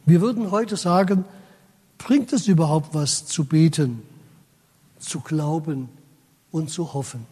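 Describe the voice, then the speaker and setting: A man's voice: fairly high pitch, a little slow, long pauses, dark tone, breathy edge, in a large hall. A man preaching a sermon, speaking straight to his congregation and reading scripture aloud with dramatic weight. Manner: addresses the congregation directly, quotes scripture dramatically.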